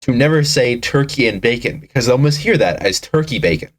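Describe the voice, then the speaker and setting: A man's voice: medium pitch, expressive, a little fast. A man co-hosting a podcast, telling a long story in a rambling, profane way with lots of restarts. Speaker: podcast co-host. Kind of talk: casual chat.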